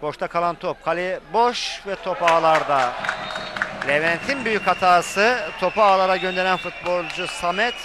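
High-pitched excitable male football commentator. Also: noisy background. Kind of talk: live football match commentary.

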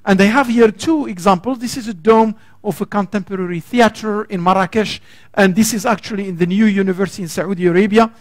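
This is an academic lecture from a guest speaker, a man with a high voice, recorded in a lecture hall. He talks with fervor, frequently restarting as he hunts for the right words.

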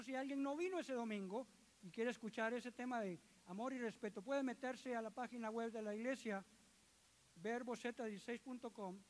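High-voiced preacher. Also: male voice. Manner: lively, joking with the congregation, acting out quoted voices. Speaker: church elder preaching. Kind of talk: sermon.

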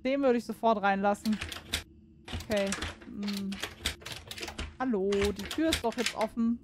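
A woman's voice: mid-range voice, measured pace, noisy background. A woman giving casual let's-play commentary on a horror game, chatting to herself and viewers, cursing and exclaiming when something startles her. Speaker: gaming streamer.

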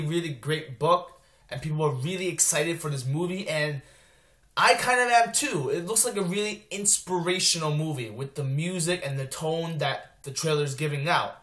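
A young movie vlogger casually reviews a film trailer, rambling with lots of ums, filler words and restarts. His voice sits on the high side with a fairly bright tone and sounds reverberant.

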